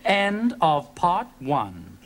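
Lively high-pitched TV announcer. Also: male voice, very slow, heavily acted. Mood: jaunty. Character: jaunty male TV continuity announcer. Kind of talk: mock announcer narration. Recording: old TV broadcast, loud audience and noise.

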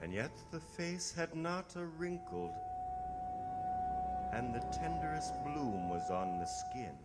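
A man narrating a live radio drama from a script in a measured storytelling manner. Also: a little high, sing-song. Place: on a theatre stage. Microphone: stand microphone with pop filter. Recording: hall reverb under loud music. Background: loud music.

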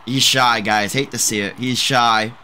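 A man's voice: medium pitch, fairly even intonation, measured pace, pushed and bright, slight background noise. A man hosting a livestreamed game broadcast, joking with co-hosts and talking to chat. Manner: joking, hype, talks to chat. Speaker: stream host and commentator. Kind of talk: casual livestream commentary.

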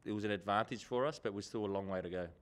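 Male coach, 40s, lowish voice, animated and repetitive at the press table mic. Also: rapid-fire. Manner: animated, repeats key phrases for emphasis. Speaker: head coach. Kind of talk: post-match press conference answers. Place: indoor press room. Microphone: table microphone in front.

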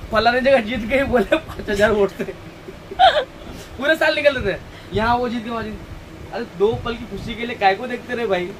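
Chatty man with a high voice in a noisy shop. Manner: chatty, preachy asides. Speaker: shop owner showing stock. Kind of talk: casual product walkthrough. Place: crowded housewares shop, indoors. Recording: noisy shop with traffic outside.

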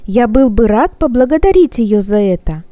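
A woman's voice: a little high, lively intonation, normal speed, warm tone, no room sound, lightly acted. A woman voicing a kindly old male gnome who speaks gallantly and soothingly.

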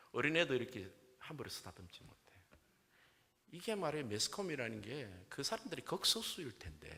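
Creaky-voiced pastor with a Gyeongsang accent. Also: male voice, fairly low pitch. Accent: Gyeongsang Korean. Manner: animated storytelling with folksy jokes. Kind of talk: Sunday sermon. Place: church sanctuary. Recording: long church-hall reverb.

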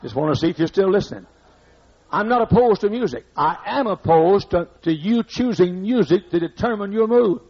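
A man's voice: high-pitched, lively intonation, moderate pace, darkish tone, husky. An older man preaching a sermon as pastor in a church, blunt and conversational, scolding the congregation with asides, on a muffled old recording. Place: church sanctuary.

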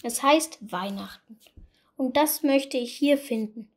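A woman's voice: sits high, takes it slowly, a little mellow, heavily acted. A woman voicing a small, naive, curious star in a storybook tale, talking with eager wonder. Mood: delighted.

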